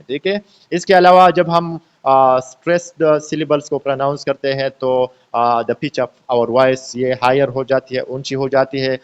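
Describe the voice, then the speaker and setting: A man teaching a lecture, explaining slowly with many "uh" fillers, mixing Hindi-Urdu with careful English sentences and often checking in with his students. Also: fairly high pitch, dull audio. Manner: explains slowly, repeats points and checks in with "theek hai?"; hesitant with frequent "uh" fillers.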